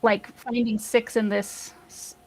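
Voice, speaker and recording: A woman's voice: a little high, little pitch movement, slow, a little mellow. A woman chatting casually while playing a puzzle game with friends, musing and laughing often. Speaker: player.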